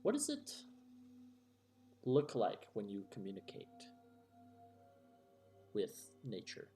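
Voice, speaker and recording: Guy running a tabletop game as gm, low-ish voice, slow steady narration, faint music behind. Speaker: game master.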